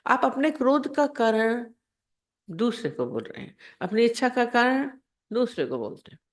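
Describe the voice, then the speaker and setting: A woman's voice: fairly high pitch, big pitch swings, moderate pace. Woman spiritual teacher, plain conversational discourse, leans on homely examples and rhetorical questions.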